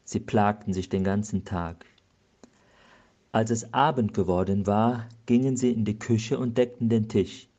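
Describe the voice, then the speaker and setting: A male pastor giving a slow, measured Advent sermon. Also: on the low side, steady tone, dark tone, muffled recording.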